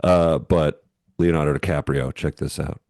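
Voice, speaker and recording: A man's voice: very deep voice, fairly even intonation, normal speed, gravelly, darkish tone, no room sound, clean studio sound. A man co-hosting a podcast in casual, profane, rambling chat, his microphone cutting in and out so his volume jumps around. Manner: blunt, profane, rambling with restarts. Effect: microphone cutting in and out, uneven volume. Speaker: podcast co-host.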